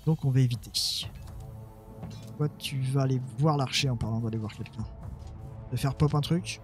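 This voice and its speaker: Soft background music plays under this man's medium-pitched, slightly mellow voice, which moves at a moderate pace. As a let's play gamer, he mutters through his strategy game in a self-mocking way and addresses his units directly.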